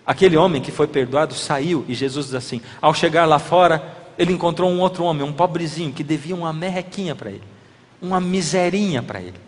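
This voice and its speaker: A man's voice: fairly high pitch, quick pace. A man preaching a sermon, asking the audience many questions and acting out little dialogues. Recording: reverberant hall.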